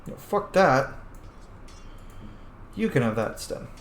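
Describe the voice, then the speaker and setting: Speaking slowly but very animated, a role-playing streamer with a mid-range voice gives informal, at times sweary commentary on a video game, answering in character. The room sounds echoey, with faint noise in the background.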